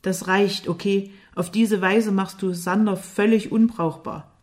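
A woman voicing a blind young man who talks in a steady, measured way, in an audiobook. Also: mid-range voice, close to an everyday voice. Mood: restrained.

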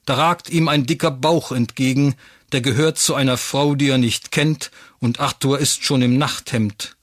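A man's voice: mid-range voice, fairly even intonation, normal speed, no echo. Dry, close male storyteller. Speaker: narrator. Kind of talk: scripted story narration.

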